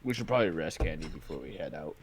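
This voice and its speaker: A man's voice: a bass voice, expressive, quick pace, a little hiss or hum. A man playing in a tabletop game on a stream, laid-back and joking, trailing off as he talks. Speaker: player. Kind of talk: casual play on a livestream.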